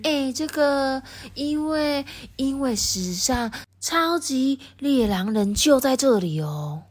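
A woman voicing a cheeky youngest piglet brother in a storybook, drawing out words in a slow, sing-song, teasing way. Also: sits high, animated, pitched above the performer's own voice, full character voice.

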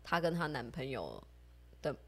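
A young woman, co-hosting a podcast and telling stories in casual chat, animated, laughing often and swearing offhand. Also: a bass voice, normal speed. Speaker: podcast co-host.

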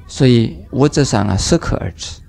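An older man gives a Buddhist dharma talk in a gravelly voice of middle pitch. He speaks unhurriedly, stretching his phrases with soft trailing particles. Now and then he acts out the people in his examples. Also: animated. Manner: unhurried, drawn-out phrases with sentence-final particles, acting out quoted voices. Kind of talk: dharma lecture.

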